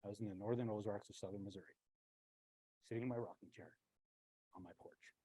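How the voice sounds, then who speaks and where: Husky man telling a story. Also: lowish voice, fast, rough recording. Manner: blunt, swears freely, animated storytelling. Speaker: loan officer and branch manager giving a talk. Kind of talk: motivational storytelling talk.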